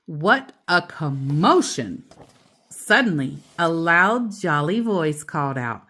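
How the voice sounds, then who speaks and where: With a deep voice, a woman narrates a kids' book, giving each line deliberate, emphatic expression. Now and then she drops in a casual aside.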